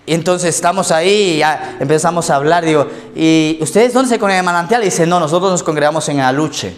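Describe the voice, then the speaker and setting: A man's voice: on the high side, fairly quick. A man preaching a sermon as pastor of a church, telling stories about himself with humor. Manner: storytelling with self-mocking anecdotes and laughter. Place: church service.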